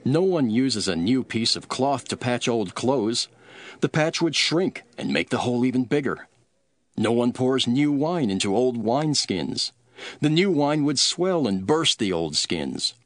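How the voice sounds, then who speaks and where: An actor playing Jesus as a calm, authoritative teacher in a dramatised scripture reading, measured and solemn. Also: male voice, medium pitch, no room sound, lightly acted.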